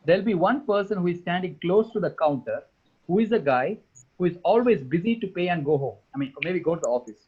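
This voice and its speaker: A man speaks at a breakneck clip, a motivational career talk for students. His voice sits a little high and sounds husky. It comes through a tinny, phone-like call line. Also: fast talker. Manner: animated, mixes in local-language phrases. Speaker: guest career trainer.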